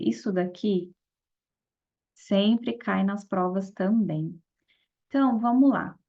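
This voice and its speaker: Woman teacher with a gravelly voice. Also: mid-range voice, darkish tone. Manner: explanatory, checks in with listeners often. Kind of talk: exam-prep lesson. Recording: dull lo-fi audio.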